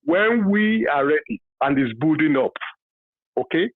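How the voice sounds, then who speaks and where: Over a thin telephone connection with no room sound, a fiftysomething caller from Nigeria shares his views on a radio program. His Yoruba accent colors a husky, fairly high, sing-song voice. He stumbles through fillers and false starts but hammers home each point.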